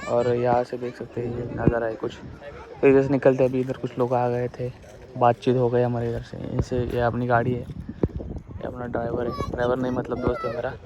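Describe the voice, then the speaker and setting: Outdoors by the sea, a vlogger chats and jokes through a casual travel vlog shot on a handheld phone, mixing Hindi and Marathi. His voice is medium-pitched, monotone and brisk, and the outdoor phone recording is noisy.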